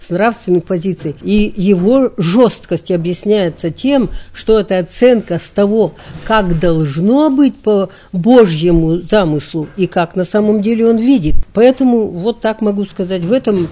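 A woman's voice: mid-range voice, dark tone. Older woman lecturing with earnest hesitation. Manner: measured, earnest, many hesitations. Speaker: literature scholar guest. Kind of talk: interview answers, lecturing tone.

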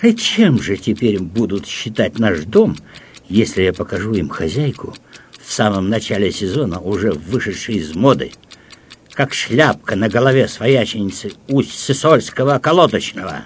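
A man's voice: fairly low pitch, sing-song, moderate pace, breathy edge. A man voicing a gloomy, sardonic count in a comic audiobook, growling his lines. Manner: sardonic, growling, then coarse. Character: gloomy, gruff aging count, forty years titled.

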